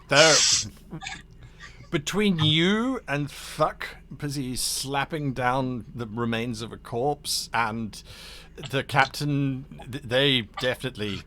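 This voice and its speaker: A man narrating a tabletop game as game master, lively and laughing, with many fillers. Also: mid-range voice, slow, slight background noise.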